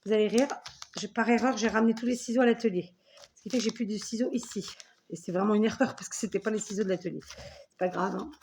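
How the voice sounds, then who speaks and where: A woman's voice: mid-range voice, fairly even intonation, fast talker, darkish tone, slight background noise. A woman in her forties hosting a scrapbooking video at home, chatting enthusiastically as she opens gifts and thanks the sender. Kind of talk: casual unboxing chat.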